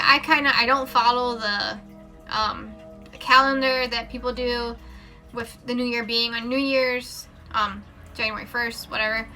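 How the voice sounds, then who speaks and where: Bright-voiced chatty woman card reader. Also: a little high. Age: adult parent. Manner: chatty, rambling, many fillers and self-corrections. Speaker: tarot reader. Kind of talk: casual spiritual card reading.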